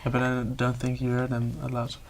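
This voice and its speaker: A young man takes a spoken exam. He speaks in a flat, gravelly voice and pauses often to search for words. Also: mid-range voice, slight background noise. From Netherlands. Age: young adult. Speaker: exam candidate.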